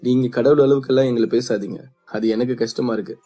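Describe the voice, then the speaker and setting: A man doing a calm, kind young trainer. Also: mid-range voice, a little fast, close to an everyday voice.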